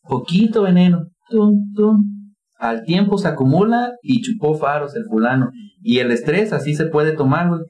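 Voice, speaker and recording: Young mexican guy on a podcast, kinda high voice, slangy, laughs a lot. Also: expressive, moderate pace, mellow. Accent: Mexican Spanish. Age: young adult. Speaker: podcast co-host, psychologist. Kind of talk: casual chat.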